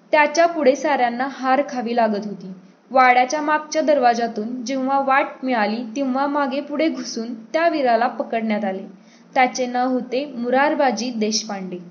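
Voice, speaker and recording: A woman narrating an audiobook in an expressive storytelling manner. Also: high-pitched, highs cut off.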